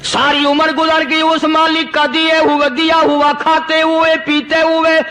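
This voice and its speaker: A man preaching a sermon, telling a story with emphatic, fervent delivery and slowed, drawn-out recitation. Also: completely flat delivery, pushed and bright, low-quality recording. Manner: emphatic, rising to fervent pitch and slowing for recitation.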